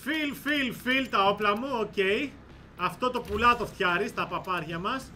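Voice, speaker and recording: A man gives rowdy gameplay commentary for his let's play. His voice sits very high and carries a sharp, bright edge. He swears and hurls comic threats at the enemies. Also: slight background noise.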